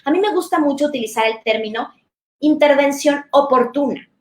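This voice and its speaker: A woman talks to parents as a speech therapist, warm and conversational, giving plenty of examples. Her voice sits a little high. The room echoes around her. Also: a little fast. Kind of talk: talk to parents.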